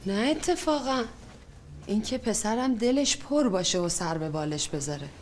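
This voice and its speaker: A woman's voice: medium pitch, lively intonation, a little hiss or hum, natural voice. An actress playing a worried middle-aged mother who pleads and defends herself in a film drama. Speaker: mother and wife. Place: home interior.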